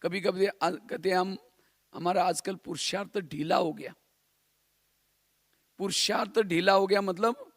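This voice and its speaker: A high-pitched man from India teaches a spiritual class in a didactic manner, repeating phrases and posing rhetorical questions. The recording is dry, with clean studio sound.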